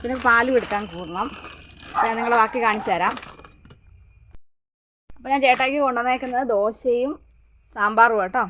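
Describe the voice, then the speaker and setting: A woman vlogger with a fairly high, fairly bright voice talks fairly quickly, with long pauses, as she walks outdoors on a rural plantation. Filmed on a handheld phone, she chats casually and often speaks directly to her viewers; a little hiss or hum can be heard.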